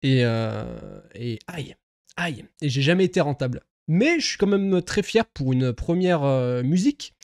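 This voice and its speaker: A man's voice: on the high side, sing-song, moderate pace, few pauses, darkish tone, no room sound, clean studio sound. A young man chatting casually on a live stream, rambling with many fillers, swearing and laughing at himself.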